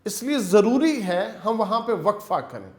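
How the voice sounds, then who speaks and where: A man's voice: high voice, lively intonation. A male teacher giving an online lecture, explaining step by step in a patient way and calling his students "beta". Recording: echoey room.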